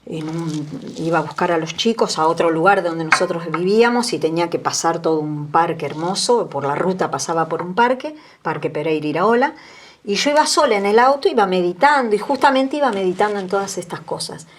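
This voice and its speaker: A woman in her sixties with an Argentine Spanish accent tells her story as an interview guest, her testimony full of earnest emotion. Her voice is lowish, her pace brisk, and her intonation lively.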